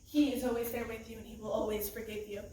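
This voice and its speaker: Teen girl, high and earnest, emotional youth-group testimony in an echoey room, mic far off. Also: flat delivery, fast talker, dark tone, a little hiss or hum. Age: teens. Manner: earnest, emotional, laughs nervously. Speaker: youth group student speaker. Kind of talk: personal testimony talk.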